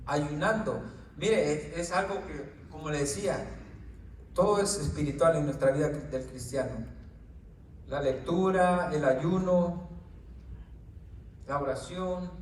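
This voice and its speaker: A man's voice: on the high side, takes it slowly, long pauses, a little mellow, slight background noise. A male preacher giving an informal Bible teaching to a small group, often tagging his lines with "right?" and "brother" and stumbling over words. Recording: echoey room, distant mic.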